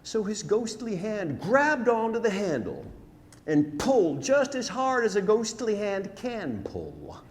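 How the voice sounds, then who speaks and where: A man with a high voice and big pitch swings, going a little slowly, performs a rhymed narrative ballad from a theatre stage. He tells it in a dramatic, folksy, emphatic way, heard through a noisy live recording full of hall reverb.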